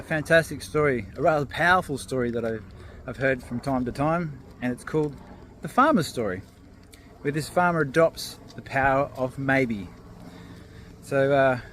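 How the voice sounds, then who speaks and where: A man's voice: medium pitch, moderate pace, slight background noise. A man vlogging while out on a walk, casually telling a fable and musing on feelings. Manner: relaxed, loose, with fillers and restarts. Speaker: motivational vlogger. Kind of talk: casual storytelling vlog. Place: outdoors on a walk.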